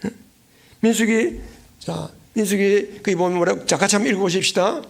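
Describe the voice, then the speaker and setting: A pastor delivers a sermon from the pulpit, his voice high and gravelly and his pace brisk. He drives his points home by repeating phrases and keeps questioning the congregation, prompting them to answer. He stays earnest and direct the whole way through.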